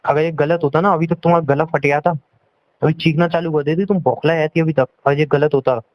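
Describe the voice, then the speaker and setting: A young man on a phone call argues heatedly with his partner in casual Hindi-English, accusing, scolding, and repeating himself. His voice is on the high side, steady in tone and fairly quick, on a dull, lo-fi call recording with no echo.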